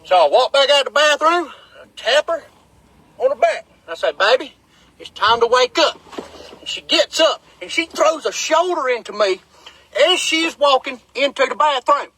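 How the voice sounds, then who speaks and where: A man telling a comic story from inside his truck, with incredulous, deadpan asides. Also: very high voice, normal speed, low-quality recording. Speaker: comedic storyteller. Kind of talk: comedic storytelling vlog. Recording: dry, close sound in a small cab.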